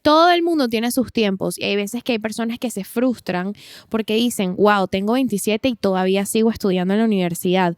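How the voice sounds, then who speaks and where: A woman's voice: medium pitch, fairly quick, smooth, no room sound, clean studio sound. A woman in her twenties co-hosting a podcast, talking in long reflective runs in casual chat. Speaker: podcast co-host.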